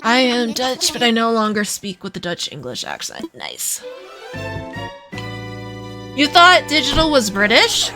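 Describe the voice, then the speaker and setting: Bright, high-voiced Minnesotan woman streamer. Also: huge pitch swings, a little slow, pauses often, faint music behind. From Minnesota, USA. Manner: chatty, giggly, rambling aside to chat. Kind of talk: casual game-stream chat.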